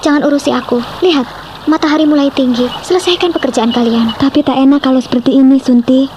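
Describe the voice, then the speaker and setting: A woman's voice: high-pitched, steady tone, quick pace, background noise, close to an everyday voice. An actress playing young village girls who plead with and tease a sulking friend in a radio drama. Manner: pleading and teasing. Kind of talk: Indonesian radio drama acting.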